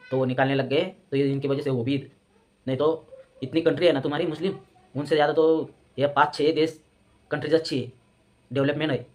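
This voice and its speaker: A man hosting a reaction video, ranting in a scornful, mocking tone. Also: mid-range voice.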